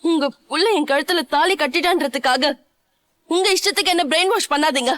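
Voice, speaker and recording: A woman dubbing a bitter young bride in a TV serial, who speaks in a sharp, accusing way. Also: sits high, fairly quick. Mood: defiant. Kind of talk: dubbed TV serial acting.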